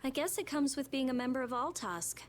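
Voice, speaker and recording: High-voiced, blunt adventurer. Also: female voice, animated, brisk. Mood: sober. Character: blunt, aloof female adventurer, sharp-tongued. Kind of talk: video game dialogue.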